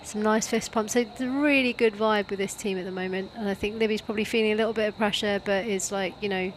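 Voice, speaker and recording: A woman's voice: medium pitch, steady tone, fast, slight background noise. A woman commentating live on a sport event in a chatty, joking way, often thinking aloud.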